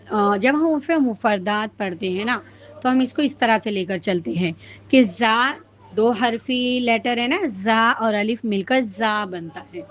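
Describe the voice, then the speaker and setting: Patient woman teaching Quran pronunciation. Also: fairly high pitch. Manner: patient, demonstrates letter sounds slowly and repeatedly. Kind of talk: casual spoken lesson with slow drawn-out recitation.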